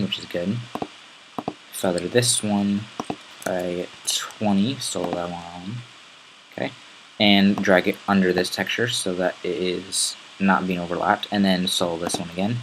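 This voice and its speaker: Man, raspy, very low voice, casual rambling tutorial talk. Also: fairly even intonation, moderate pace, background noise. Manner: casual, rambling step-by-step instructions. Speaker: tutorial host. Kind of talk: screen-recorded software tutorial.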